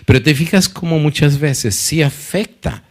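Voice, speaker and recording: Animated pastor telling a story. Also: male voice, fairly high pitch, moderate pace. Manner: animated, acts out quoted dialogue. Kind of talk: storytelling in a church talk.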